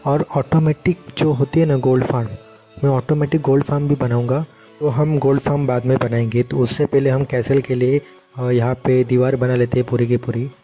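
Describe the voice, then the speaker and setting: Young male game commentator, casual and chatty, flat delivery, soft music under him. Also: medium pitch, a little fast. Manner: chatty, reacts loudly to in-game mobs. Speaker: gaming YouTuber.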